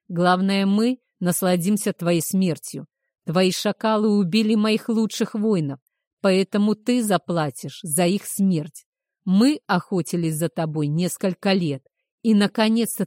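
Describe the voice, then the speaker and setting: A woman voicing a brutal male werewolf pack leader who growls loud threats. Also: lowish voice, no echo, studio quality, lightly acted. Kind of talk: audiobook character voice.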